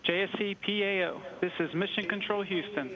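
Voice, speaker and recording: A man's voice: high voice, brisk, a little hiss or hum. A man making clipped radio-protocol calls as a mission control radio caller, heard over a space-to-ground radio link. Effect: space-to-ground radio communication. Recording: muffled radio channel, distant.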